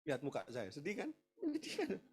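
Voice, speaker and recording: A high-pitched male pastor preaching. He is animated and jokey, swinging from loud punchlines down to low, quiet asides. He acts out characters' voices as he goes. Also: brisk. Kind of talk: humorous sermon.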